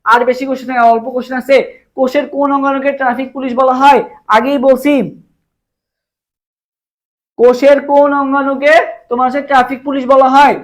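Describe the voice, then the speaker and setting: Fast-talking young Bangladeshi male tutor. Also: extremely high pitch, little pitch movement. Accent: Bangladeshi Bengali. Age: young adult. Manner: fast, repetitive quizzing of viewers, drills answers with memory tricks. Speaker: admission exam tutor. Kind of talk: live online exam-prep lesson.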